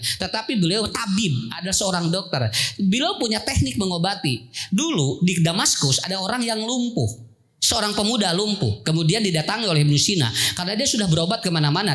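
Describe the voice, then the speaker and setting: Lively Sundanese-accented male preacher. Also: high-pitched. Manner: lively, jokey, acts out quoted characters and calls on the audience. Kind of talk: sermon storytelling to a live congregation.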